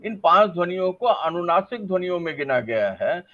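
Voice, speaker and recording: Middle-aged male lecturer, high animated delivery, asks questions and answers them himself, dull lo-fi recording. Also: moderate pace. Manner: demonstrates sounds aloud, asks and answers his own questions. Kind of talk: classroom lecture on phonetics. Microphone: facing a camera.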